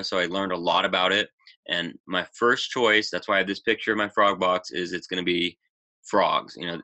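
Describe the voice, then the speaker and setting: A low-pitched, sharp-toned man in his thirties, from the Pacific Northwest of the United States, gives a casual fishing webinar with slides. "Um" and "you know" fillers crop up constantly. A webcam mic captured him in a small room.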